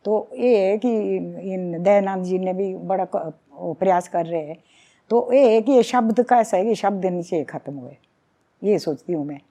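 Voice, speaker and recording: Woman, Himachali Pahari accent, middle-aged, mellow tone, earnest and reflective, interview talk. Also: on the low side. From Himachal Pradesh. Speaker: folk singer and songwriter. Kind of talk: conversational interview.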